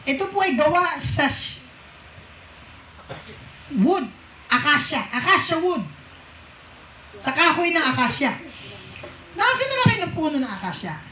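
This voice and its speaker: Woman preacher, high bright voice, keeps quizzing the congregation, roomy echoey church hall. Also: sing-song, measured pace, long pauses, a little hiss or hum. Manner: questions the congregation, mixes English into Filipino. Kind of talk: sermon.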